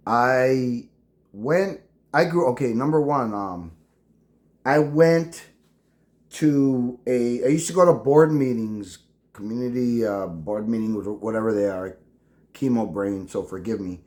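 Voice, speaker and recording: A man, speaking in a halting personal monologue full of restarts. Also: mid-range voice, darkish tone. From El Paso, Texas. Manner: halting, with many restarts and fillers. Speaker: veteran vlogger.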